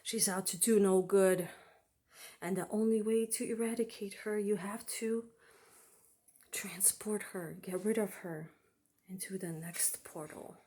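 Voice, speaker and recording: A woman voicing an ancient male spirit giving an urgent mission, whispering and then speaking loudly. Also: mid-range voice, fairly even intonation, measured pace, breathy edge. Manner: urgent, alternately whispered and loud.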